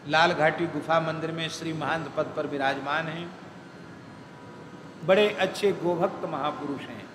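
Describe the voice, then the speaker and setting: A man with a high voice preaches in an unhurried way, telling stories to the gathering and stressing key words by repeating them. His voice rings through a large, echoey hall. A faint hum of noise sits underneath. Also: steady tone. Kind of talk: devotional discourse with storytelling.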